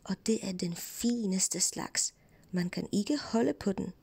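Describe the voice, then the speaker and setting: A woman's voice: mid-range voice, creaky, darkish tone, breathy edge, no room sound. A woman voicing a cheerful, foolish young peasant lad who boasts and calls out gleefully. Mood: proud.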